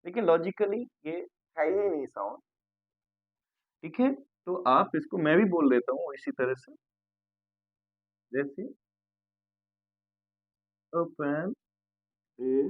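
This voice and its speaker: A man teaches an English grammar lesson in a fairly high voice, repeating sounds slowly and patiently for his students. The recording is dry and narrow, like sound over a phone line. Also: slightly rough, no echo.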